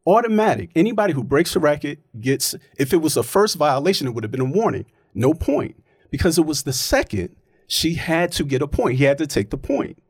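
Emphatic, argumentative man in lively chat. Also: a little high, brisk, husky, no room sound, clean studio sound. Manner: emphatic, argumentative, keeps checking with "right?". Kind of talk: casual opinionated chat.

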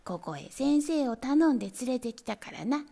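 Woman reading as a big commanding father cat, storybook voice, low and slow, half-whispered, lively lilt. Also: vocal fry, full character voice.

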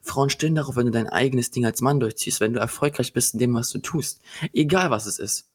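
A man's voice: medium pitch, fairly quick, husky. A young man in casual podcast chat, laying out his views in an assertive, lecturing way.

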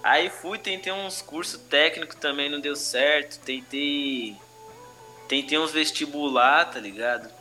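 A man's voice: on the high side, a little slow, bright, forceful tone, faint music behind. A man with a Brazilian Portuguese accent from São Paulo tells personal stories casually, podcast style, in heavy street slang with frequent conversational tags. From Brazil, urban periphery. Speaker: comedian interview guest.

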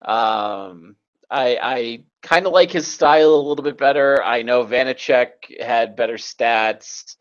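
A man co-hosting a casual sports podcast, halting and hesitant, cursing casually. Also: medium pitch, muffled recording. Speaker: podcast co-host.

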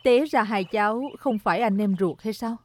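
A woman's voice: medium pitch, normal speed, lightly acted. A kind, motherly wealthy lady, voiced by a woman. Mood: kindly. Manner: gentle, motherly.

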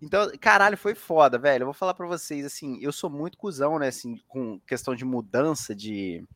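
A man's voice: mid-range voice, animated, fairly quick, fairly bright tone, dry recording, clean studio sound. A man hosting a casual podcast, telling a story with lots of slang and swearing. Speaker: podcast host.

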